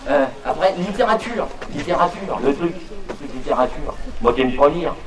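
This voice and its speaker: A man's voice: on the high side, moderate pace. A man performing stand-up comedy, telling a story with stammering restarts and acting out the characters. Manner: animated, stammering restarts, acts out voices. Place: live show venue with audience. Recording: roomy live stage sound from a distance, audience.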